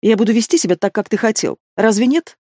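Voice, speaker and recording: A hot-tempered teenage werewolf girl, as an audiobook reader puts her on, defiant and sulky. She hurls accusations and sharp sarcasm at her father in a storybook reading. The sound is dry and close. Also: mid-range voice, quick pace, dry recording, voice pushed up, close to an everyday voice. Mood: spiteful.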